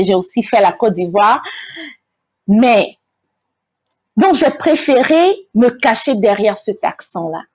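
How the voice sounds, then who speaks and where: A woman speaks slowly and earnestly in a faith-based inspirational talk. Her voice sits fairly high and she often stumbles over repeated words. The recording is dry and slightly dull, like lo-fi audio. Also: darkish tone, dry recording. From Togo. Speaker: host, motivational speaker.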